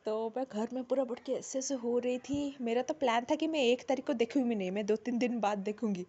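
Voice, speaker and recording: A young woman in her twenties telling her own exam story in a casual, animated way, often laughing and pausing with fillers. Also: fairly high pitch, husky. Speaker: bank officer sharing her exam story. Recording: dull lo-fi sound.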